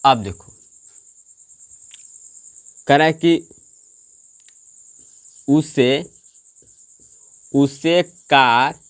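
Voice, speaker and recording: A man's voice: medium pitch, smooth. A man teaching English grammar to a class, repeating questions and answering them himself. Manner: slow, drawn-out delivery.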